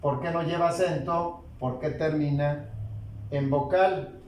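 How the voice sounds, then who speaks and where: Slow, deliberate male teacher in an echoey room. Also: on the high side, fairly even intonation, a little mellow, recorded from a distance, slight background noise. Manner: slow, deliberate, asks and answers his own questions. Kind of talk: spoken grammar lesson.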